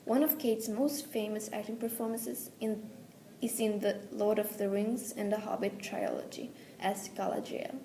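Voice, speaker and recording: A woman's voice: medium pitch, expressive, normal speed, gravelly, mellow. A teenage girl with a Swedish accent carefully reads a school presentation in English. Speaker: student presenter. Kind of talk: school presentation read aloud. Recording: echoey room with faint hiss.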